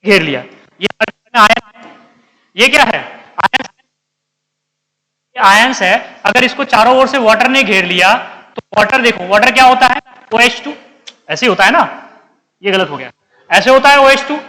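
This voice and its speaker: High-voiced Indian chemistry teacher quizzing students. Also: male voice, animated, measured pace, pauses often, sharp tone, in a large hall, rough recording. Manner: keeps quizzing students and answering himself, calls them beta. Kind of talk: classroom lecture.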